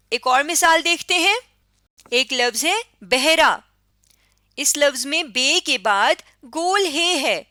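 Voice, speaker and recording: A woman's voice: high-pitched, sharp tone, dry recording, clean studio sound. A woman with a Pakistani Urdu accent, an Urdu teacher giving a patient lesson voice-over, repeating and correcting herself as she explains.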